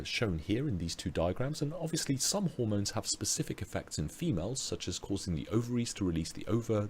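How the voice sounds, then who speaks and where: British male tutor, hoarse, animated delivery, lots of fillers, webinar mic. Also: fairly low pitch, slight background noise. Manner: explanatory, with frequent fillers and restarts. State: losing his voice. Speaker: biology tutor. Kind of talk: online revision lecture.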